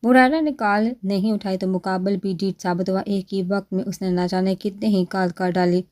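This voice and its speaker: A woman narrating a romantic novel with steady, dramatic storytelling, voicing every character. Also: mid-range voice.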